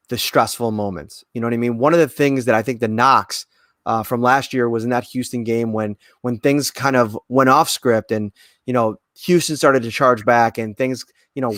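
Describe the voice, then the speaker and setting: A man's voice: mid-range voice, no echo, clean studio sound. A man co-hosting a casual sports talk show, chatty and full of fillers and restarts. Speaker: podcast co-host.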